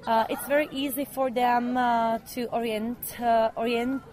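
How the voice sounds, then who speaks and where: A woman's voice: on the high side, flat delivery, moderate pace, darkish tone, slight background noise. A woman who speaks natively, a programme organizer, answering interview questions hesitantly. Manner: hesitant, frequent fillers.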